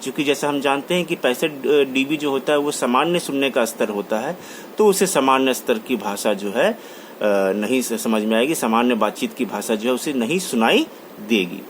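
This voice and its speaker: A man's voice: medium pitch, expressive, normal speed. A man giving a classroom lecture, repeating key terms and restating each point, mixing English terms into his talk. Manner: mixes English terms into Hindi. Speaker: college lecturer. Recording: faint background noise.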